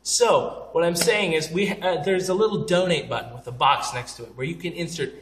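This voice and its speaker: A man's voice: on the high side, brisk, echoey room, recorded from a distance. A young man telling funny travel stories in a casual, joking, self-deprecating way, talking straight to camera. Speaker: vlogger.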